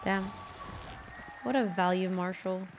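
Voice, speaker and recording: A woman's voice: mid-range voice, fairly even intonation, slow pace, over music. A woman streaming a watch party, chatting casually and rambling between thanking her viewers, tired and sleepy. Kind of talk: casual chat while watching a match.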